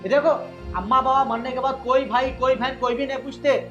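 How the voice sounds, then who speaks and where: A man's voice: very high-pitched, steady tone, highs cut off, music in the background. A man playing a son who lectures his mother and in-laws in a comic family skit. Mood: lecturing. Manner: fast, preachy, lecturing. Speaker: son and peacemaker in a family sketch.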